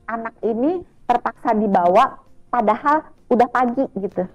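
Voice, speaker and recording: A woman's voice: fairly high pitch, animated, moderate pace, no room sound, dull audio, soft background music. Woman doctor explaining practical health tips. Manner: explains step by step, practical, with small fillers. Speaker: doctor guest. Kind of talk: radio health interview.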